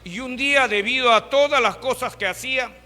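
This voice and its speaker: Pastor preaching, high bright voice, lots of "you know what, brothers?", echoey hall. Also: male voice, a little fast. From Peru. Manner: rhetorical questions, addresses listeners as brothers. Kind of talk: sermon.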